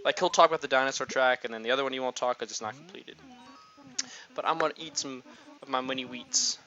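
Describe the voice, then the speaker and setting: A man's voice: mid-range voice, sharp tone. A man giving casual, chatty gameplay commentary, thinking aloud. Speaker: gaming video creator. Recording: slightly muffled lo-fi recording.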